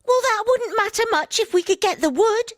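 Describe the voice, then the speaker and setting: A woman voicing a scornful, scheming peasant wife in a storybook reading, bossy and sharp. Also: extremely high pitch, animated, moderate pace, no room sound, clean studio sound, pitched above the performer's own voice.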